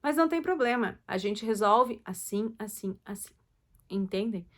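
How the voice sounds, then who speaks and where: A woman's voice: medium pitch, animated, normal speed. A woman gives casual advice to parents, chatty and loose, with many fillers and self-corrections. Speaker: host talking to parents.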